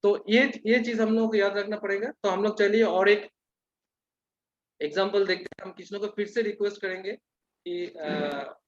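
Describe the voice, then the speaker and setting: A man giving a sales training talk in an instructive way, pausing often on hesitant fillers. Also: sits high, fairly even intonation, muffled recording.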